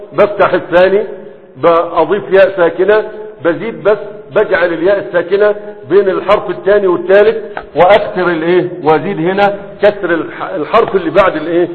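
A man teaching a class in a lecture style, constantly checking understanding with quick questions to his students. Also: sits high. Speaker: teacher of Arabic morphology. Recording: tinny phone-like sound with long hall echo.

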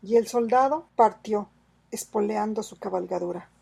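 A woman narrating a novel as an audiobook reader, steady and measured. Her voice is strongly gravelly and quite husky. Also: mid-range voice. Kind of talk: scripted narration.

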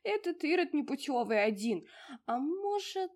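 A woman's voice: sits high, big pitch swings, a little slow, a little mellow, voice pushed up. A woman voicing a fussy little house-spirit granny. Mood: fussing. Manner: folksy, doting, exclamatory.

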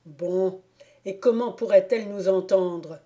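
A shrewd village clog-maker teases his cousin with knowing mockery, as a woman reads him in an audiobook. The delivery is slow and drawn out, with a mellow, warm tone. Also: mid-range voice, close to an everyday voice. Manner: mocking, knowing. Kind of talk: audiobook character reading.

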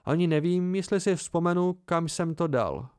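A man's voice: fairly high pitch, a little mellow, clean tone, no echo, studio quality, pitched above the performer's own voice, close to an everyday voice. Kvot, a man voicing a weary innkeeper. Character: weary soft-spoken innkeeper man, dry and patient. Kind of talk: amateur audiobook voicing.

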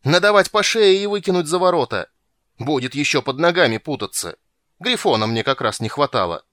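A man reading a story aloud and voicing an irritable, blustering male sea king who shouts and grumbles. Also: mid-range voice, sing-song, normal speed, dry recording. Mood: furious. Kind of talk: audiobook reading.

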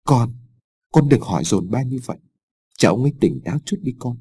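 A man's voice: medium pitch, lively intonation, a little fast, husky. Man playing a frightened, tearful old mother. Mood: fearful pleading. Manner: soft, pleading, sobbing.

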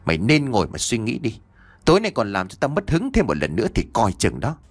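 A man's voice: sits low, lively intonation, moderate pace, no echo, voice pushed down. A man voicing a drunk, lecherous and cruel old male official who slurs and threatens. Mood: menacing. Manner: slurring, leering, then menacing threats.

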